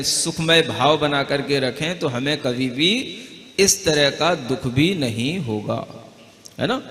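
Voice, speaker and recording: A man's voice: fairly high pitch, a bit bright. A man, a Jain monk, giving a conversational devotional discourse and teaching a group how to pronounce verses, often checking in with the listeners. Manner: conversational, keeps asking "है ना?", models verse pronunciation slowly. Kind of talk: devotional discourse and recitation lesson. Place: large hall with a gathering. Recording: echoey hall with long reverb.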